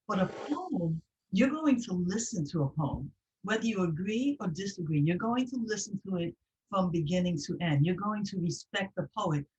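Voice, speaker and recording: A woman hosting a poetry talk, explaining her purpose in an earnest, measured way with some restarts. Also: medium pitch, a little mellow, highs cut off. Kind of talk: reflective conversational explanation.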